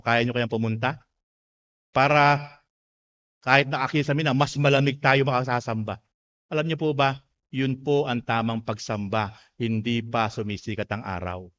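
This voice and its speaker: A male pastor with a Filipino accent preaching a sermon, dropping to a hush and then climbing to loud emphasis, with rhetorical questions to the congregation. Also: mid-range voice. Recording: dull lo-fi sound.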